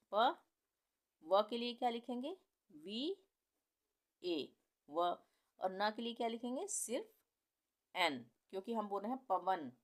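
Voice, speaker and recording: A woman teaching the alphabet in a slow, patient way, spelling out sounds and repeating each one. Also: mid-range voice. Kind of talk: Hindi alphabet lesson at a board.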